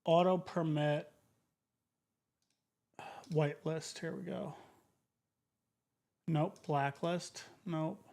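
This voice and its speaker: Flat-toned man muttering on a livestream. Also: fairly high pitch, extremely slow, long pauses. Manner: informal, muttering, profane. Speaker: streamer. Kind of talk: casual livestream chat.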